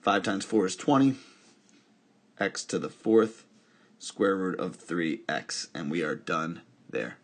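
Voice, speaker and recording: A man's voice: deep voice, expressive, slow, pauses often. A man teaching a recorded math lesson, talking through each step by asking and answering his own questions, with wry asides along the way.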